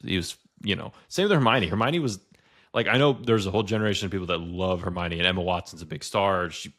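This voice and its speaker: Deep-voiced man in casual podcast chat. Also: fast talker, a bit bright. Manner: rambling, many "like" fillers. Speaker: podcast co-host.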